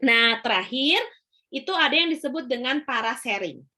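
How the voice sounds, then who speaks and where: A woman's voice: sits high, lively intonation, normal speed, sharp tone. A woman lecturer explaining in a chatty way, with frequent fillers and rhetorical questions to her students. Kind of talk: casual spoken lecture.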